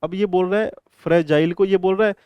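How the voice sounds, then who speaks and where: Man, exam-prep vocabulary lesson, chatty and repetitive, high-pitched, dry close sound. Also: fairly even intonation, a little fast, smooth, no echo, muffled recording. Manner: chatty, repetitive, addresses students affectionately. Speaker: English teacher.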